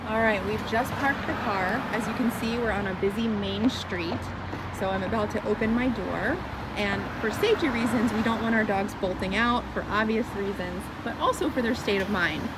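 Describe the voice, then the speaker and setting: A woman in her thirties explains dog training in an easy, upbeat vlog voice, speaking into a phone held at arm's length. She talks from inside a car and later out on a street. Clear road and car noise runs behind her. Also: mid-range voice, normal speed. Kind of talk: casual instructional vlog. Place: inside a parked car, then outdoors on a street. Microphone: phone camera held at arm's length. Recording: noisy car and street ambience.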